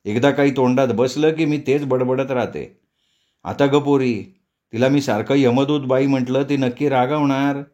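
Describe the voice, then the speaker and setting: Man doing a fussy old granny from a storybook, forgetful, calls out slow and loud, dull lo-fi sound. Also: medium pitch, steady tone, lightly acted. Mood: fretful. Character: excitable forgetful old grandmother.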